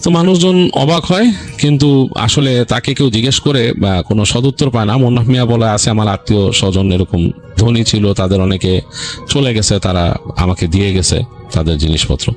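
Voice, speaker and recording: Faint music plays behind a Bangladeshi-accented man narrating a ghost story for a radio-style program. His voice is lowish and his pace moderate, and he tells the tale informally, rambling and pausing to explain things.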